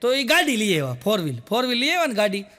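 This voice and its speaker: A man with a very high, bright voice, performing stand-up comedy. He tells his jokes in a lively way and acts out each character in them. His delivery is forceful and animated. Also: rapid-fire. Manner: lively joke-telling, acting out the characters in the jokes. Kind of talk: live comic storytelling. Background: audience laughter.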